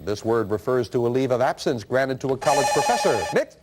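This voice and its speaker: A man's voice: mid-range voice, animated, a little fast. A man hosting a TV quiz show, reading questions and bantering teasingly with contestants. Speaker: game show host. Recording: loud studio crowd noise. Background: studio audience.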